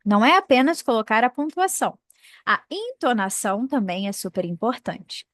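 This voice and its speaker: A woman teaching English punctuation to Portuguese speakers, drawing out each example word slowly and carefully. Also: a little high, sing-song, a bit bright, no room sound, clean studio sound. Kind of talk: explaining English punctuation in a lesson.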